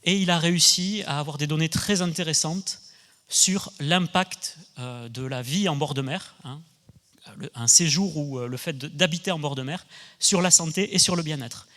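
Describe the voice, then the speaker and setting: Higher-voiced male host in a reverberant hall. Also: normal speed, fairly bright tone. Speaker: conference host introducing a speaker. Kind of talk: spoken introduction to an audience.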